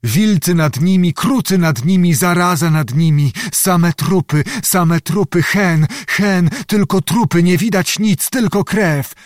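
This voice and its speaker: A man's voice: fairly high pitch, expressive, a little slow, no room sound, studio quality, voice pushed up. A man voicing a fierce young Cossack witch, wild and coarse, in a raised chanting voice for an audiobook. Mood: chanting, ecstatic. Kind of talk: audiobook reading.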